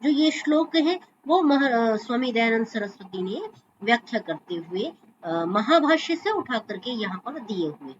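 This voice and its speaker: A woman's voice: on the high side, big pitch swings, unhurried, lo-fi sound, slight background noise. A woman teaching a Sanskrit class over a video call, explaining points and reciting verses while she carefully stretches sounds to show how to say them.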